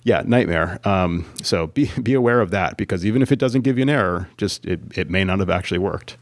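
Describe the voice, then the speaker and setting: Low-voiced rambling man in a casual tech chat. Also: brisk, no room sound, clean studio sound. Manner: rambling, many fillers and restarts. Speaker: podcast co-host, Apple consultant.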